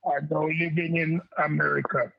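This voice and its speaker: Husky jamaican man calling in, kinda high voice, muffled phone sound. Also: little pitch movement, normal speed. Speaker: caller. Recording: muffled phone call into radio.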